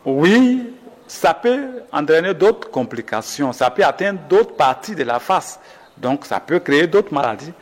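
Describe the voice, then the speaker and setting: A doctor whose voice runs on the high side and sounds sing-song explains symptoms in an interview, the audio carrying a big-room sound. He stays patient, measured and explanatory, though he often restarts and corrects himself.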